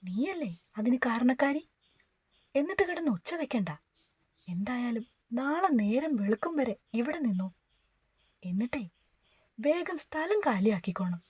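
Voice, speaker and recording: A woman reading the part of an angry, short-tempered man who scolds quickly in a storybook reading. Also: on the high side, animated, slightly rough, no room sound. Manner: shouting, scolding fast.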